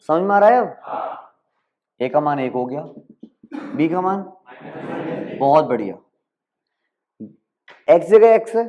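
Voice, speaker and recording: A maths teacher with a high, slightly mellow voice tutors in a classroom style for exams. He coaxes along, posing quick check questions and answering them himself, on a dull, lo-fi recording.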